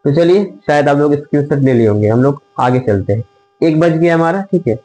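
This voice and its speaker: Guy teaching a grammar class online, voice a bit on the high side, keeps asking "what is it?" then answers himself. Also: animated, warm tone, poor audio. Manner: drills by asking and answering his own questions; repeats items slowly while writing.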